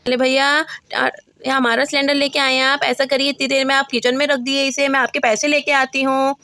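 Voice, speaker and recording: A woman voicing a gentle mother in a doll-play story, speaking softly and calmly. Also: high-pitched, brisk. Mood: worried. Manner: soft, calm, motherly. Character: gentle busy mother of a little girl.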